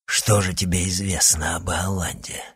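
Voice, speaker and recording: A man's voice: flat delivery, moderate pace, a bit bright, breathy edge, exaggerated voice. A man doing a grim young werewolf heir. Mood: threatening. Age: young adult. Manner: low, grim questioning.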